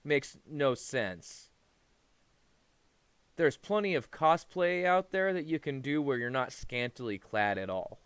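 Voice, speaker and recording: This YouTuber, a man beyond his teens, rambles through opinionated, off-the-cuff commentary, repeating himself and cursing along the way. His medium-pitched voice is expressive, slow, fairly bright, and clean, with no room sound.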